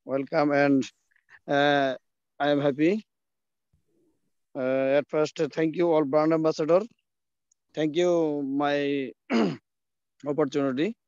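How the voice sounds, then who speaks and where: A man giving formal thanks on a video call, halting and full of fillers. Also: on the high side, steady tone, darkish tone, smooth, no echo, lo-fi sound. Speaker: webinar participant.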